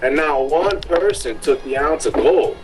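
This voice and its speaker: A man in his twenties co-hosting a casual podcast, talking in an animated way and full of "like" fillers. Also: a little high, a little slow, music in the background, low-quality recording. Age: 20s. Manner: animated, heavy use of "like" fillers. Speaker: podcast co-host. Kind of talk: casual group chat.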